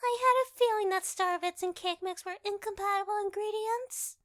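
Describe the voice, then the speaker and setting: Very high, bossy cartoon princess. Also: female voice, normal speed, a bit bright. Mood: distraught. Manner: theatrical, indignant. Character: bossy, vain, hot-tempered young cartoon princess. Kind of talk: fan comic dub, exaggerated cartoon acting.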